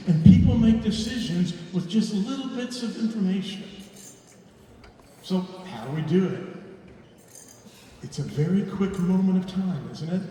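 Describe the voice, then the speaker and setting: A man who works as a real estate trainer gives an animated seminar talk to an audience, asking rhetorical questions and stressing key words. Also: a little high. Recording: echoey hall recorded from far off.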